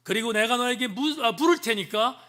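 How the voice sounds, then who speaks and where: A man voicing God as a stern, commanding presence from the storm, giving orders in a raised, forceful voice within a sermon. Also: very high-pitched, expressive, normal speed, exaggerated voice.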